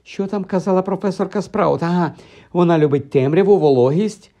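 A man voicing an excitable, know-it-all schoolgirl in an audiobook, squealing high and flustered. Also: fairly quick, muffled recording. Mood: shrill fussy.

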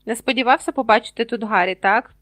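An arrogant boy bully sneers and drawls his taunts, as a woman reading a storybook puts him on. His voice drips with mockery, and each jab comes slow and deliberate. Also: a little high, fairly bright tone, dry recording, clean studio sound, lightly acted. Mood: sneering. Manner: mocking, drawling.

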